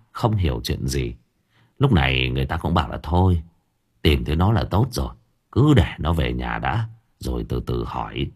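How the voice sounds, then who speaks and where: A man narrating an audiobook story in a lively, expressive way. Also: low-pitched, slightly rough.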